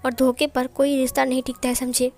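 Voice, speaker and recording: A woman's voice: high voice, level tone, a little fast, a little mellow, soft background music. A woman voicing a stern, proud older uncle who scolds everyone, in a story reading. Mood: angry.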